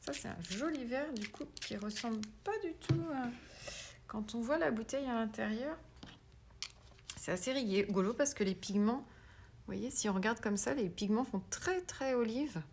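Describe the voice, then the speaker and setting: A woman giving a casual craft tutorial. She talks chattily and drops into soft whispered asides as she works. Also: fairly high pitch, moderate pace, slight background noise. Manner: self-mocking, laughs at her own English pronunciation. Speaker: craft demonstrator.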